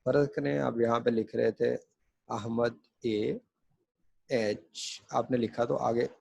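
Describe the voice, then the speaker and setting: Gravelly, husky male grammar teacher. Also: medium pitch, steady tone, warm tone, no room sound. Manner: explains in Hindi, reads English examples slowly. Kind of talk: classroom grammar lesson.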